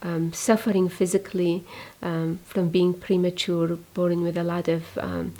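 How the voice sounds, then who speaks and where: A woman in her forties from Iraq, a religious sister giving a hesitant, reflective testimony with many pauses. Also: on the low side, flat delivery, poor audio. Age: 40s. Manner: soft-spoken, hesitant with many fillers. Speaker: religious sister, community founder.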